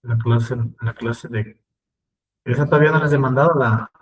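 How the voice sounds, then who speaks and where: A man teaching an online English class, speaking slowly and repeating words for his students to copy. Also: medium pitch, fairly even intonation, recorded from a distance, rough recording.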